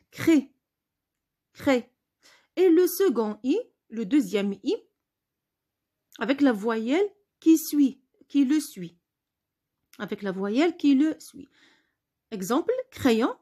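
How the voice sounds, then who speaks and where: A woman teacher giving a spelling lesson, patiently repeating words slowly for her pupils. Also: fairly high pitch, expressive, warm tone.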